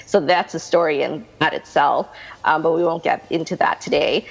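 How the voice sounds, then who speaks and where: A Canadian woman in her thirties talks through her answers with lots of fillers and restarts. Her low voice is husky with a gravelly fry. The recording is dull and lo-fi, with a long hall-like reverb. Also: steady tone, moderate pace. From Canada, Manitoba. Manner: chatty, rambling with many restarts and fillers. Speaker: guest, realtor. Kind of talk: interview answers.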